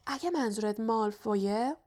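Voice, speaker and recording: A woman narrator voicing a clever, cautious young schoolgirl witch who speaks in a hushed, knowing way. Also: fairly high pitch, natural voice.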